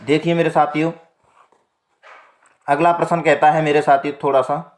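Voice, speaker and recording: A man's voice: on the high side, level tone. Echoey teacher man walking through exam questions. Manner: keeps addressing listeners as "my companions"; repeats the answer twice, slow and deliberate. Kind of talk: exam-prep lesson going through multiple-choice questions.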